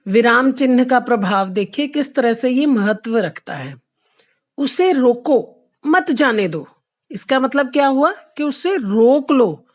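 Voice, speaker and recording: A woman teaching a Hindi lesson to children, explaining slowly and patiently and often checking that they follow. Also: a little high, a little mellow. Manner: patient, repeats "ठीक है?" checks; slows right down to read example sentences. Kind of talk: slow classroom explanation to children.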